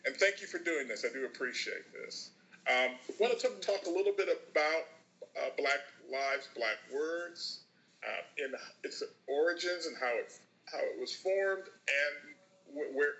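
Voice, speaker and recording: A male podcast host interviewing guests, his voice thin and tinny as if he were talking through a tin can from far across the room, with halting restarts. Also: mid-range voice, bright, forceful tone. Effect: tinny, distant sound, like talking through a tin can far away.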